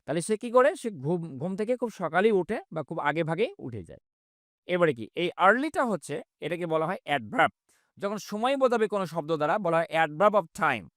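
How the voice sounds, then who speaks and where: A man who speaks Bengali natively, teaching English grammar. He asks questions, answers them himself, and reads example sentences very slowly. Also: sits high, big pitch swings, fairly bright tone, no echo, studio quality. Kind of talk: reading lesson explaining grammar.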